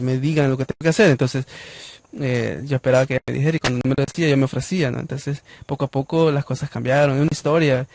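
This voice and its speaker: Gravelly young Salvadoran man telling stories. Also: medium pitch, darkish tone. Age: 20s. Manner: rambling, many restarts and fillers. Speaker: guest artist. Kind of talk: storytelling interview.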